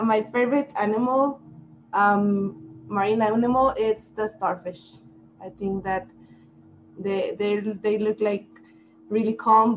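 A woman from Mexico speaks slowly and hesitantly, introducing herself as a student. The video call audio is slightly muffled with a faint hiss behind her. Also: mid-range voice. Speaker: student participant.

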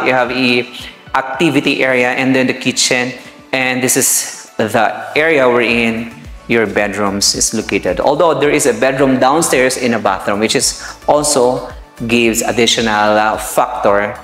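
A man with a Filipino accent and a medium-pitched, fairly bright voice, a real estate seller, narrates a casual house tour vlog inside an empty new house. He speaks informally, mixing Tagalog and English and calling viewers "guys" as he shows the rooms. The bare rooms sound echoey, with background music underneath.

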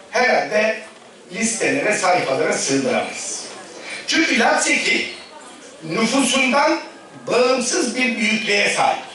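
In a high, bright, forceful voice, a middle-aged male politician speaks rhetorically to a party congress, pausing between phrases as he addresses the crowd. He's at a podium microphone, but the audio is distant and boomy, full of echo and room noise from the big hall.

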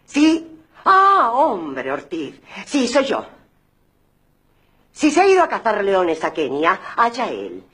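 A woman's voice: mid-range voice, huge pitch swings, slow, long pauses, a bit bright, a little hiss or hum, full character voice. An actress playing a wealthy, imperious mother who scolds an employee on the phone and flirts coyly with a caller in a 1990s TV comedy. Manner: bossy on the phone, then coquettish.

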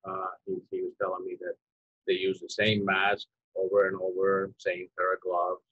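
A man's voice: low-pitched, completely flat delivery, moderate pace, husky, dry recording. A man in his fifties from Iran, a photographer, talking hesitantly with many fillers and restarts on a video call from home. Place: home room with dark curtain. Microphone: video call computer mic. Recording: dull lo-fi video call audio.

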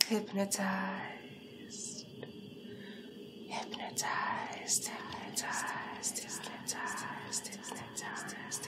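The clip is an in-character ASMR hypnosis roleplay in which a woman portrays a seductive, hungry, hypnotic and poised vampire villainess. She talks very slowly and deliberately in a breathy medium-pitched voice, often whispering, and the audio quality is poor.

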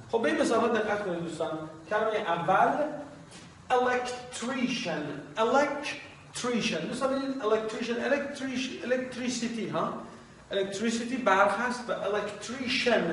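A man teaching English vocabulary in a recorded lesson, patiently repeating each word slowly. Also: sits high, a bit bright, a little hiss or hum. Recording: distant echoey room recording.

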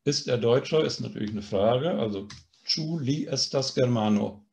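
A man's voice: medium pitch, moderate pace, gravelly, a little mellow. A man teaching a language course, explaining grammar patiently and often checking in with a questioning "ne?". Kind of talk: online language lesson.

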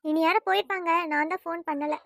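A woman's voice: extremely high pitch, fairly even intonation, quick pace, creaky, no echo, clean studio sound. A woman doing a meek, pleading young wife. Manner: soft, apologetic, deferential. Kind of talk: cartoon voice acting.

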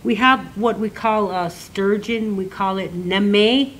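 An older woman, an elder, slowly teaching children the names of animals and patiently repeating each word for learners. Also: mid-range voice, a bit bright. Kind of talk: slow classroom teaching.

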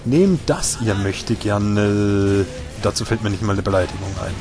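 A man's voice: on the low side, unhurried, over music. A young man giving casual, sarcastic commentary while playing a video game, grumbling at his companion. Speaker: let's player.

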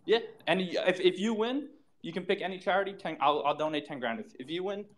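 A man's voice: sits high, fast, fairly bright tone. A young man from Sweden, a boxer trash-talking at a face-off, pushy and repeating himself as he presses his rival.

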